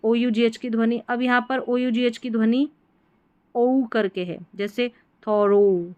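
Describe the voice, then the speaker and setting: A woman teaching English spelling and pronunciation, repeating each word slowly and quizzing the listener. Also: on the high side, fairly even intonation, dark tone, no echo, lo-fi sound. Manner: repeats words and asks students to answer back.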